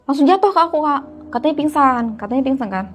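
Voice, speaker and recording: A woman's voice: sits high, animated, fast talker, soft background music. Chatty young woman with a lilt. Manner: chatty, keeps addressing the listener as "Kak". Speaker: guest storyteller. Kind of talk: casual horror storytelling.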